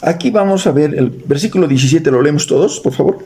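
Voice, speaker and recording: Amid crowd noise, a man with a Bolivian Spanish accent preaches in a church, reading scripture aloud and mixing in jokes and quizzes for the congregation. His voice is on the high side, with lively intonation and a quick pace.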